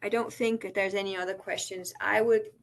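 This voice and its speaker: A woman presenting a webinar over a weak connection, so her audio cuts out and her volume is uneven, and she talks haltingly with many restarts. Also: mid-range voice, fairly even intonation, vocal fry. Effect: audio cutting out, uneven volume. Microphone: computer mic on a phone hotspot.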